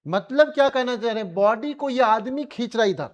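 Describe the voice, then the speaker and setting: A man's voice: very high voice, animated, normal speed, muffled recording. A male physics teacher with an Indian accent, giving a colloquial classroom revision lecture and pressing his students with repeated questions.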